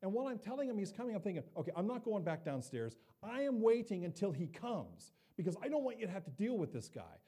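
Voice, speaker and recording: A man's voice: sits high, huge pitch swings, quick pace, hardly any pauses, dark tone, husky. A middle-aged man preaching a sermon in a conversational, humorous way, acting out the people in his stories. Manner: conversational, humorous, acts out quoted voices. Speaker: pastor. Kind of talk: sermon with personal storytelling.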